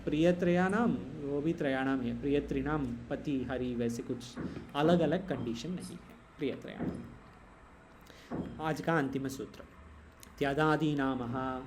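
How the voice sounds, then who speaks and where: Male grammar teacher, patient step-by-step explainer, mid pitch. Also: a little hiss or hum. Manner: patient, explains slowly, switches into English. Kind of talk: online grammar class.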